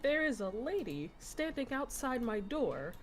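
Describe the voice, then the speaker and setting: A woman playing a tabletop game over voice chat, chatting casually and telling a story with lively asides. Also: a little high, unhurried. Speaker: player.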